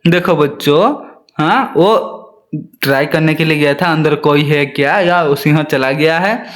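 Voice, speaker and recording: A man's voice: on the high side, a little slow, fairly bright tone. A male teacher reading a story aloud to young children, often repeating lines and asking them questions.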